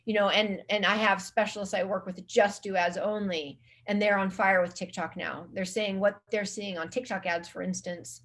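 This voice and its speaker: A woman chatting as a guest in an interview, talking at an ordinary mid-range pitch. She rambles along with frequent restarts and fillers. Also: steady tone, moderate pace, few pauses, fairly bright tone. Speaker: guest social media marketing specialist. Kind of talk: casual conversational interview.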